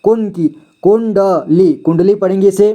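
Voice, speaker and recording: A man with a fairly high but mellow, soft-edged voice leads a slow Hindi phonics lesson. He reads each word twice, asks what it should be read as, and answers himself in a steady, patient way. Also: muffled recording. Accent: Indian Hindi. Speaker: Hindi reading teacher. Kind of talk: slow phonics lesson, reading words aloud.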